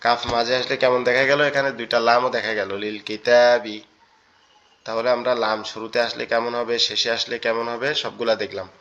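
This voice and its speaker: A man leads an online lesson on Arabic letters, with a mid-range voice. He explains patiently and repeats each point slowly. The sound is dull and lo-fi, like a web class. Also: medium pitch, little pitch movement, sharp tone. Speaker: Quran teacher.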